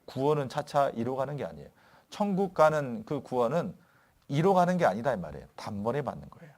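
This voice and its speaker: A man's voice: mid-range voice, sing-song, a little mellow. Korean pastor questioning his congregation. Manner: asks the congregation questions and answers them; reads scripture slowly and deliberately. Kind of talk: sermon at a Bible lecture.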